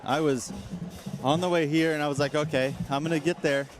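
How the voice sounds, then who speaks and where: A man doing casual play-by-play at a high school football game, out of breath and chatty, rambling between plays. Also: steady tone, fairly quick. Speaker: play-by-play commentator. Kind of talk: casual sports commentary. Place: outdoor football stadium.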